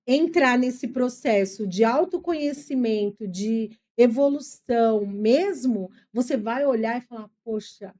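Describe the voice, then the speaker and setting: This middle-aged psychologist, a guest on a podcast, speaks with a São Paulo Brazilian Portuguese accent in a warm voice that sits on the high side. She tells personal stories in an earnest, reflective way and explains things patiently.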